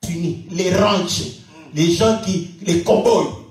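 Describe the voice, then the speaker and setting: A Congolese pastor preaches slowly and animatedly, swinging between loud, high exclamations and low, murmured asides. He poses rhetorical questions to the congregation and laughs often. The room is very echoey, and he stands away from the distant mic.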